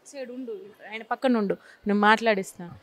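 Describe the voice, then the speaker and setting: A woman's voice: a little high, brisk, fairly bright tone. A woman reporter interviewing people, coaxing them and giving directions. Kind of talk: field interview.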